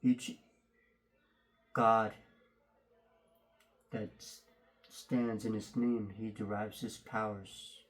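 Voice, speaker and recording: Slow, low-voiced man, slightly muffled by mask. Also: level tone. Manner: halting, hesitant delivery. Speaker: unboxing video host. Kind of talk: casual unscripted unboxing chat. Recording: faint background noise, clicks.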